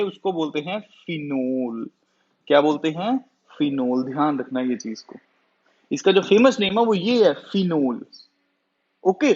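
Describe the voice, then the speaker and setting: A man teaching a chemistry class, who often asks the students questions and then answers them himself. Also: a little high. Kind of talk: classroom lecture. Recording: dull lo-fi sound.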